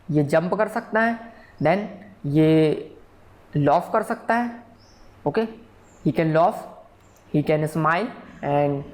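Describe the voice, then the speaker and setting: A man teaching a programming class in a recorded tutorial, explaining patiently and checking in with listeners often. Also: sits high. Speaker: programming instructor. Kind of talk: recorded coding tutorial lecture.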